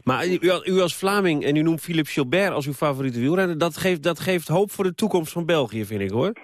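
A man's voice: fairly high pitch, expressive, a little fast, dry recording. A man hosting a late-night radio call-in show, chatting in a friendly, hesitant way with many fillers. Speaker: radio host. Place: radio studio. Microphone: studio mic.

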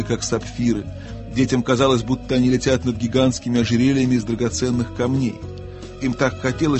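A man narrating an audiobook in a calm, expressive storytelling manner. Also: mid-range voice. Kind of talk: scripted narration.

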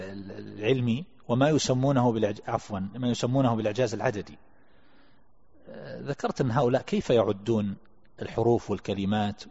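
Calm male teacher reading and explaining a text, lo-fi recording with lingering reverb. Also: medium pitch, slightly rough. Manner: calm explanatory, reads quotes aloud then comments. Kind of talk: lecture.

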